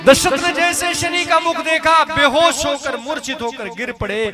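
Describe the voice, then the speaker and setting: High-voiced male devotional storyteller. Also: fairly even intonation, normal speed. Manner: dramatic, emphatic, scolding storytelling. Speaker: katha storyteller. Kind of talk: devotional story sermon with sung verses. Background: devotional instrumental music.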